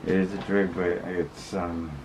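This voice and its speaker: This male vlogger has a deep voice and a flat delivery as he casually gives viewers his opinions in blunt street slang. The talk is halting and rambling, with frequent repetition and backtracking, and clear background ambience runs through the recording.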